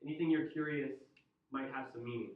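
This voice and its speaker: A man's voice: medium pitch, fairly even intonation, fairly quick. Midwestern man lecturing in an echoey classroom. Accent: Midwestern American. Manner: conversational, joking, asks the class questions. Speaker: chemistry teacher. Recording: roomy, distant and dull classroom sound.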